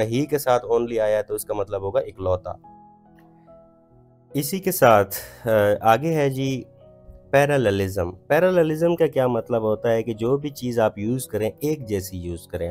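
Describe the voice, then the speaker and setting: A man teaching an English grammar lesson, explaining in Urdu-Hindi and reading English example sentences slowly. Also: fairly low pitch, darkish tone. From Pakistan.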